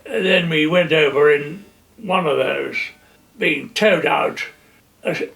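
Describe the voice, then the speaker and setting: An older man, a retired general, recalling wartime missions in a halting way with many pauses and fillers. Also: a little high, gravelly, bright, forceful tone, recorded from a distance. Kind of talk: wartime reminiscence.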